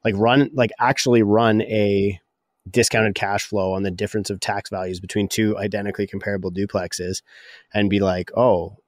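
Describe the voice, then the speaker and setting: A man's voice: lowish voice, little pitch movement, normal speed, no echo, studio quality. A Canadian man co-hosting a podcast, explaining in a rambling, casual way and often interrupting himself. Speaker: podcast co-host, real estate broker.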